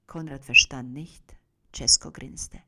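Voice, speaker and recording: A woman narrating an audiobook in an expressive reading style. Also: a bass voice, slow.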